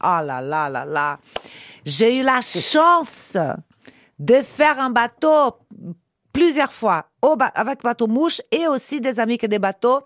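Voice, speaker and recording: A woman's voice: fairly high pitch, sing-song, unhurried, a bit bright, dry recording, studio quality. A woman with a foreign accent in French, chatting casually and emphatically as a guest in a radio interview. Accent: foreign accent in French, not Parisian. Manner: effusive, emphatic. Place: radio studio, close and dry.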